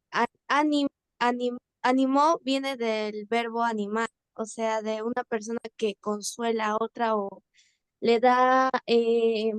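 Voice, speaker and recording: A woman's voice: fairly high pitch, smooth, dry recording, low-quality recording. A woman student explaining a word difference in class, stumbling on one word. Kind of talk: answering in class.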